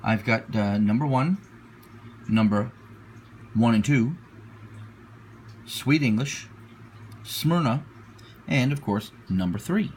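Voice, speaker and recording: Male reviewer, mid-range voice, casual and unscripted, halting with repeated words, slightly noisy recording. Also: mid-range voice, lively intonation, darkish tone. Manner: hesitant, searching for words, repeating himself. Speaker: pipe tobacco reviewer. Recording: noticeable background noise.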